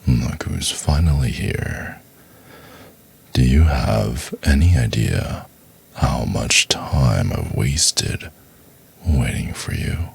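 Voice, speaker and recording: In an intimate ASMR roleplay, a man voices a cruel, domineering corporate executive, cold and scornful. His bass voice is gravelly, husky, and half-whispered, delivered in a condescending, drawn-out, expressive full character voice.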